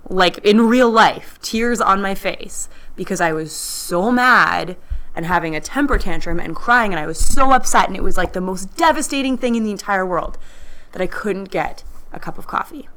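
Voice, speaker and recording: A woman hosting a podcast in casual chat, chatty and animated, laughing easily. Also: mid-range voice, moderate pace. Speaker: podcast host.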